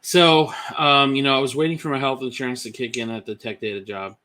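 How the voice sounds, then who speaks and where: A man's voice: mid-range voice, steady tone, brisk, bright, forceful tone. A man talking as a podcast guest, candid and rambling, with lots of "like" and "um". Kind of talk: casual personal testimony.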